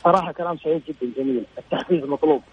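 A man's voice: a little high, racing. A man calling in to a radio show over a phone line that keeps breaking up, speaking earnestly and repeating himself. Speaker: radio call-in caller. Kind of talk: casual call-in chat. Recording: husky, tinny phone line.

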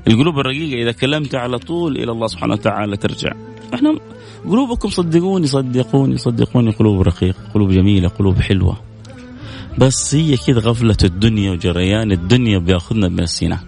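A man's voice: lowish voice, rapid-fire, creaky, darkish tone, faint music behind. A man hosting a religious program, giving an earnest sermon-style talk and repeating phrases to drive his points home.

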